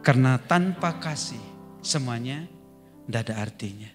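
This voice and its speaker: A man's voice: medium pitch, lively intonation, normal speed, over music. A male pastor preaching in a church, telling the story with humor and asking the congregation questions. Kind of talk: sermon. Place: church sanctuary.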